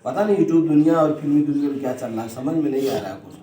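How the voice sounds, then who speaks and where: A man's voice: fairly high pitch, fast, a crowd in the background. A man vlogging casually, talking to his viewers and repeating himself as he consoles someone. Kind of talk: casual vlog narration. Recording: echoey and distant, faint noise.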